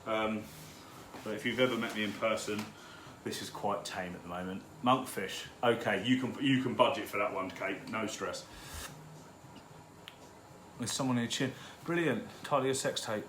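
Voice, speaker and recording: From his home kitchen, a man hosts a live cook-along, chatting loosely with viewers and cursing freely. His fairly low voice is a bit bright, at a moderate pace with long pauses. The roomy kitchen carries background noise.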